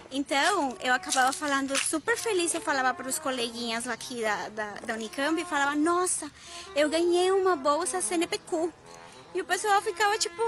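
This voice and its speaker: A woman from Colombia whose first language is Spanish, a Spanish teacher and researcher in her thirties, chatting to camera and telling stories with quoted dialogue. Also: high voice. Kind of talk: casual vlog talk to camera.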